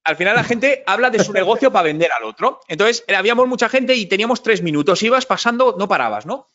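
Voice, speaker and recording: High-voiced man, storytelling. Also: fast talker. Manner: storytelling, animated quotes of himself. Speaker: interview guest, digital marketing expert. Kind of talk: conversational interview. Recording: dull lo-fi sound.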